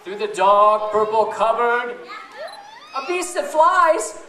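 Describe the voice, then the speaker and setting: An extremely high, expressive voice, bright and forceful yet slow, belongs to a children's book reader and blogger. He reads animatedly to a group of families, playing it theatrical and asking them questions. The recording is distant and echoey, made in a large, noisy school room.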